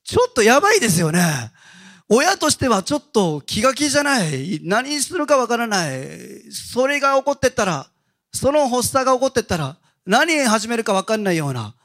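A male pastor giving a Sunday sermon, telling stories in a casual, animated way. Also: very high voice, normal speed. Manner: animated storytelling with casual asides.

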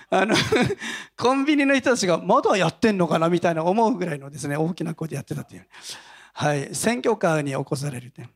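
A male pastor giving a conversational Sunday sermon, telling stories in an animated way and chuckling often. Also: fairly high pitch, fairly quick. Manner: animated storytelling with frequent chuckles.

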